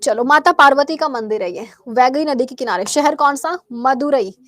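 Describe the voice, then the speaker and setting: At normal speed, a woman with a high, fairly bright voice and a Bihari Hindi accent runs a live quiz class for exam prep. She chats freely and answers the questions she asks. A sore throat makes her clear it frequently.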